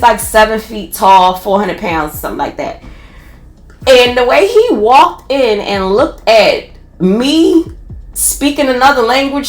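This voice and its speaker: A woman with a Philadelphia accent tells a personal story in a casual podcast, animated and full of restarts. Her voice sits in the middle of the female range. The room around her is noticeably echoey. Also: mid-range voice. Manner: animated retelling with many restarts and laughs.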